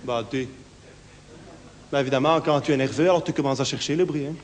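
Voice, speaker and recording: A stand-up performer talks a little fast in a steady tone, his Brussels French accent carrying a nervous, wandering solo monologue full of local fillers. Now and then he slips into higher-pitched voices for other characters. It's a handheld mic on a theatre stage, with long reverb and faint room noise.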